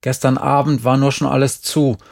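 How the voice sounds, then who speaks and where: A man reading a story aloud and voicing an easygoing adult who calmly coaxes two children. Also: mid-range voice, normal speed, creaky, close to an everyday voice. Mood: coaxing. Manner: calm, coaxing.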